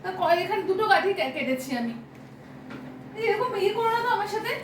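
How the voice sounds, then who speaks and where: Vlogger wife, West Bengal accent, very high and quick, roomy distant kitchen sound. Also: female voice, expressive, background noise. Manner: rapid complaining talk with many fillers. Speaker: vlogger and homemaker. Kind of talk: casual domestic argument. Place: home kitchen.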